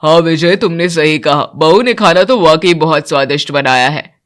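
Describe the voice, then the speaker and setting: A woman voicing an approving older father-in-law in a lowered voice. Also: moderate pace, close to an everyday voice.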